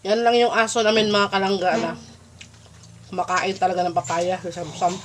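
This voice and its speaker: A woman's voice: on the low side, little pitch movement, normal speed. A woman with a Visayan Filipino accent chatting casually to vlog viewers while chewing her food. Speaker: vlog host. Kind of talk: casual mukbang vlog chat. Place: at a small store. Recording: noisy background.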